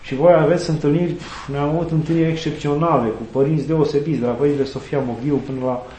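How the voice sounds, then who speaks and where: A middle-aged man, an Orthodox priest, talks earnestly and animatedly, weaving in sayings and the lives of saints. His voice sits slightly high, and the room gives it a strong echo with faint noise behind it. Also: steady tone, mellow. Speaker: Orthodox priest and student chaplain. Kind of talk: conversational interview, reflective storytelling. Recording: echoey room.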